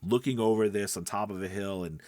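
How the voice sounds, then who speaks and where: In this dry recording with no echo, a man with a fairly low, darkish voice speaks fairly quickly. He's a voice-over coach and podcast host giving an informal tutorial, rambling conversationally and checking in with the listener often.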